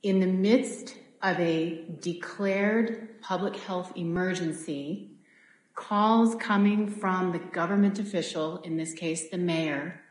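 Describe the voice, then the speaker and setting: A woman's voice: lowish voice, darkish tone. Formal woman attorney in an echoey courtroom. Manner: measured, formal, with occasional fillers. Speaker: attorney arguing for a city. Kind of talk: formal appellate oral argument.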